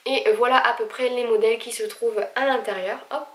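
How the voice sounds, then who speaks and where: A woman with a blocked nose, talking a bit higher than most and hesitating often. She sounds set back from the mic, her voice echoing in a room with faint noise behind it. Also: fairly even intonation, brisk, fairly bright tone, recorded from a distance. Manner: chatty, many hesitations, gushing. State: stuffy nose, speaking with effort. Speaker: vlogger. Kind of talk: casual haul video.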